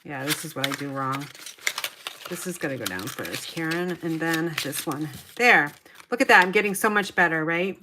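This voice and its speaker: A woman's voice: deep voice, lively intonation, moderate pace, background noise. A middle-aged woman chatting her way through a paper craft tutorial, talking to herself as she works. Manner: chatty, talks to herself while working. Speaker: papercraft demonstrator.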